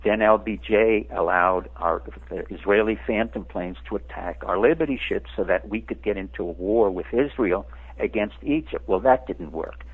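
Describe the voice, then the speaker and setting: A man's voice: lowish voice, moderate pace, breathy edge. A man in his seventies who grew up in France, a radio interview guest lecturing in an emphatic way. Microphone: phone. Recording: tinny phone line.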